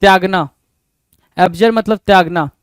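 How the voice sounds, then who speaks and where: A man teaching an exam-prep vocabulary lesson, drilling words fast and asking rhetorical questions. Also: sits high, clear, resonant tone, no room sound.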